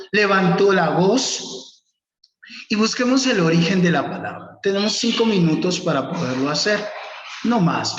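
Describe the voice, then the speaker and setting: A man's voice: high voice, a bit bright. A man teaching a preaching workshop online, reading scripture and calling on students by name. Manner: slow, instructive, calls on students by name. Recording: echoey, dull lo-fi room sound.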